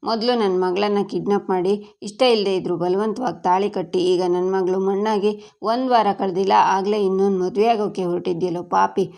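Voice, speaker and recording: A woman voicing an enraged middle-aged father who shouts threats over his dead daughter. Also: mid-range voice, fairly even intonation, moderate pace, vocal fry, lightly acted. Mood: furious.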